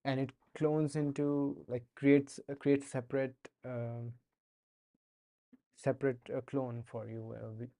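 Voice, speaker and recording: With a warm, medium-pitched voice, flat and unhurried, a young Indian-accented man chats while coding on a live stream. As a streamer learning to code, he's hesitant, full of fillers and restarts.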